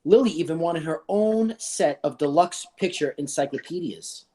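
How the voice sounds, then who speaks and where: Very animated man reading a storybook. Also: a little high, moderate pace. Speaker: school staff reader. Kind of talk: children's storybook read-aloud.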